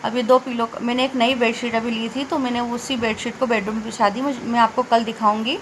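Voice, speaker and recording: Chatty, fairly high-voiced woman vlogger. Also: flat delivery, slight background noise, rough recording. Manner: chatty and rambling, with self-corrections and filler pauses. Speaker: home vlogger. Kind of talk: casual voice-over narration of a home cleaning day.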